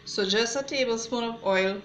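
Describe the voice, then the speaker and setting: A woman's voice: on the high side, normal speed, very noisy. A woman, a mother cooking at home and chatting viewers through each step of a recipe. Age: adult mother. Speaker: home cook showing a recipe. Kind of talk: casual cooking demonstration. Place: home kitchen. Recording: echoey kitchen with clattering cookware. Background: dishes, cutlery and blender clatter.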